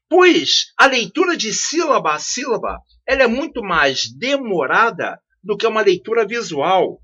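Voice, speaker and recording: A man teaches a study lesson in a classroom-style video, speaking in a high-pitched, bright, forceful voice. He relies on rhetorical questions and repeats key phrases. The recording quality is dull and lo-fi.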